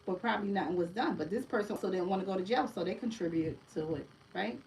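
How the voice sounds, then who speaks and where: A fast-talking woman with a medium, slightly mellow voice does a chatty oracle card reading on a livestream, repeatedly asking "right?" and calling her viewers "family." The recording is low quality, with a distant mic and a bit of hiss or hum.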